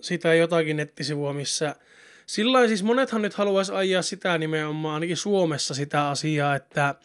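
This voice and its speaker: A man's voice: on the high side, fairly bright tone, smooth. A man in casual conversation, talking in a rambling, chatty way with many fillers. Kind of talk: casual chat.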